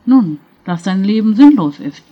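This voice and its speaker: A woman voicing a gentle, patient middle-aged man who guides a lonely woman, speaking kindly and earnestly in a storybook reading. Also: medium pitch, very animated, moderate pace, highs cut off.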